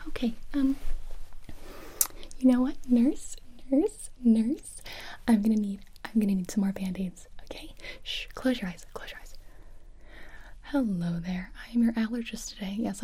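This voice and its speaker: A woman's voice: mid-range voice, husky. A young woman whispering close to the mic, playing a series of doctors in a comedic ASMR roleplay, now and then breaking into full voice. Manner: soft close whispering with sudden voiced outbursts.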